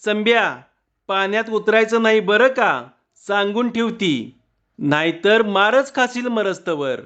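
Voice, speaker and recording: A man voicing a loud village woman who teases the men and scolds her son in rustic dialect. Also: high voice, measured pace, voice pushed up. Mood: teasing scolding. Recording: dull lo-fi recording.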